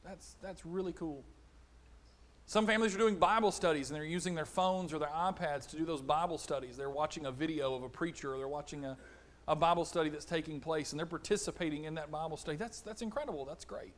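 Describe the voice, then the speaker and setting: A middle-aged man preaching a conversational sermon, animated, acting out little exchanges. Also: fairly high pitch, fast. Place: church auditorium.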